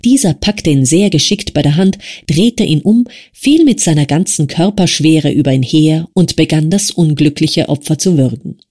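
Audiobook narrator, scripted literary reading, measured, even delivery. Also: mid-range voice. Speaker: audiobook reader.

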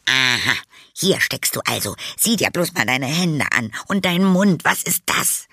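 A man's voice: normal speed, vocal fry, sharp tone, breathy edge, no room sound, studio quality, exaggerated voice. A man voicing a stern older aunt who scolds her mischievous nephew. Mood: scolding. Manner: shrill, scolding.

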